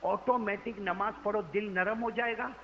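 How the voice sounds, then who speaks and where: Dramatic high-voiced man preaching. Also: steady tone. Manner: dramatic, addresses the congregation directly. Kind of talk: storytelling sermon. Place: gathering before a congregation. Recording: dull lo-fi recording with faint noise.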